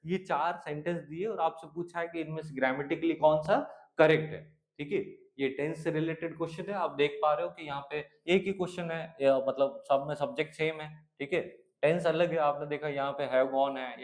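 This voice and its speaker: A man with an Indian accent, an exam-prep teacher explaining grammar multiple-choice questions patiently, asking questions and answering them himself, reading English sentences out slowly. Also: on the high side. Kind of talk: explaining grammar MCQs in Hindi-English mix.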